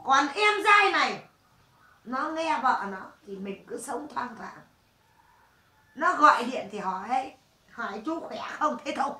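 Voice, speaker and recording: Female spirit medium, bright piercing voice, coarse scolding delivery, recorded far off in a roomy space. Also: high-pitched, big pitch swings, a little slow, long pauses. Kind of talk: séance, speaking for the dead. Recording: echoey room, mic far off.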